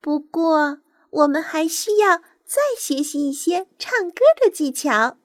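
A woman's voice: sits high, a little slow, dry recording, clean studio sound. A woman doing a fluttery, tactful nightingale. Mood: hesitant. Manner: hesitant, polite, fluttery. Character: kindly, tactful nightingale singing teacher.

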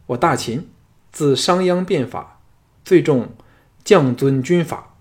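A man's voice: medium pitch, close to an everyday voice. A man voicing a young commanding king. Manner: measured, rising to forceful declaration. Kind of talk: audiobook character voicing.

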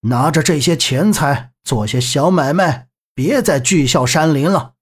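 A man voicing a bearded older male court official in an audiobook, measured and earnest. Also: on the high side, lively intonation, breathy edge.

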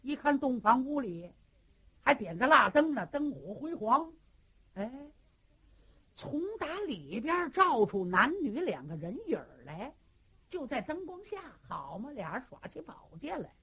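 Woman telling a traditional tale, lively. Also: fairly high pitch, a little slow, husky. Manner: lively, dramatic, acts out every character. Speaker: storyteller. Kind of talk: traditional Chinese storytelling performance.

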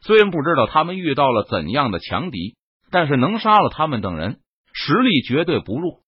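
A man's voice: a little high, big pitch swings, brisk, husky, no echo. A man reading an audiobook, voicing a stern, commanding deputy leader of a sect. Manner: stern, clipped orders. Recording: dull lo-fi dry recording.

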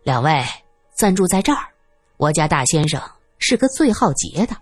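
A woman's voice: low-pitched, sing-song, normal speed, breathy edge, faint music behind, exaggerated voice. A woman voicing a polite male house steward. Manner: polite, businesslike.

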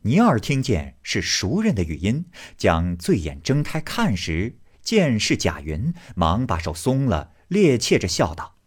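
A male narrator reads a classic novel in an expressive storytelling manner. His voice is very deep and husky. His pitch swings dramatically from line to line. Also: measured pace, hardly any pauses.

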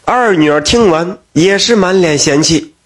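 A man narrating a folk tale in a lively, folksy manner. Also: high-pitched, measured pace. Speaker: storyteller.

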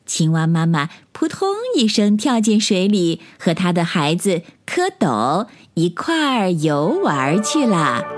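A young woman narrating a children's bedtime story slowly and gently. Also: on the low side, big pitch swings, soft background music. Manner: slow, lilting, gentle.

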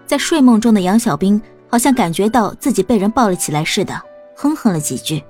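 A woman reads a storybook aloud, her voice steady and calm at a middle pitch. She keeps an even, unhurried narrating tone throughout. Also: soft background music. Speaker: audiobook narrator.

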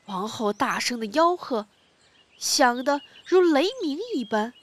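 A woman narrating a children's story aloud in an expressive reading voice. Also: on the high side, slight background noise. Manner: slow, expressive, lively storytelling.

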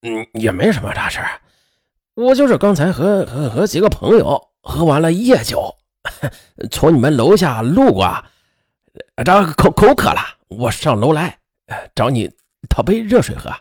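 A man's voice: on the high side, very animated, measured pace, husky, no echo, studio quality, full character voice. A man voicing a drunk, scheming man who stammers and pleads with feigned urgency. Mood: pleading.

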